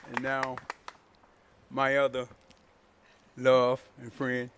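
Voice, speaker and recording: A man who leads his village, speaking off the cuff at an outdoor podium, halting and choked up with emotion, pausing often on "uh". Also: medium pitch, completely flat delivery, a bit bright, some chatter behind. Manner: halting, full of "uh" pauses. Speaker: village president. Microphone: podium microphone.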